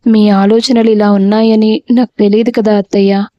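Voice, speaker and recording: A woman voicing a gentle, polite young daughter-in-law in an audio storybook. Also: mid-range voice, flat delivery, moderate pace, no echo, natural voice. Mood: polite puzzled. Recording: dull, dry lo-fi recording.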